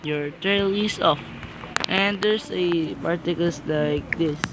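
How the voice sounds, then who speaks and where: A man casually showing off a game mod, excitable and halting, with fillers and chuckles. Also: sits high. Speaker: mod reviewer. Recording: loud background noise.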